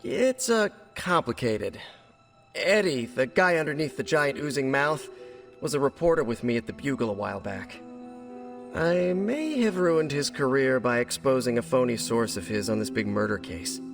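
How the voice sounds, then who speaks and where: A man's voice: medium pitch, lively intonation, normal speed, vocal fry, faint music behind. An American man playing a young, nerdy, wisecracking superhero in a video game, chatty and joking in a stop-and-start delivery. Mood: awkward, confiding. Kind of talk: video game cutscene dialogue.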